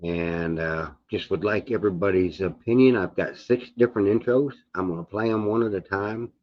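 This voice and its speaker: Deep-voiced man with gummy, toothless speech. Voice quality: toothless, gummy, slightly sputtering articulation. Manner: halting, folksy. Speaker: video channel host. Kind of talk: casual rambling vlog talk. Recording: dull, muffled lo-fi sound.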